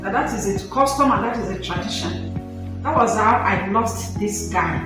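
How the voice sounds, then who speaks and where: A woman in her thirties giving an emotional, halting personal testimony, often breaking off to apologize. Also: mid-range voice, very echoey, recorded from a distance, over music, poor audio. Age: 30s. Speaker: interviewee.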